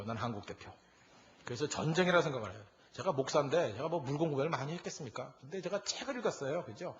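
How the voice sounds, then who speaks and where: Lively fast-talking pastor, dull recording. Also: male voice, fairly high pitch. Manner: animated storytelling with acted-out dialogue. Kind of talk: sermon.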